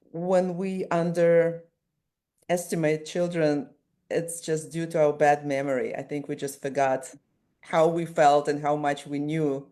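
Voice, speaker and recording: Her voice is low and a little mellow. She is a Ukrainian author-illustrator, Russian by first language, giving considered answers in an interview and repeatedly restarting what she's saying.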